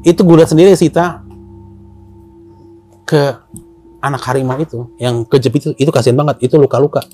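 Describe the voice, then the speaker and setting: A man's voice: mid-range voice, brisk, long pauses, breathy edge, faint music behind. A man telling a story in casual chat, acting out the dialogue in slang. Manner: animated, acts out dialogue in slang. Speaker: storyteller guest.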